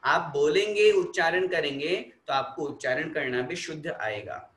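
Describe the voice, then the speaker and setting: Male religious teacher, fairly high bright voice, leads verse recitation. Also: roomy sound. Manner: slow, explanatory, leads chanting of verses. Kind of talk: scripture lesson.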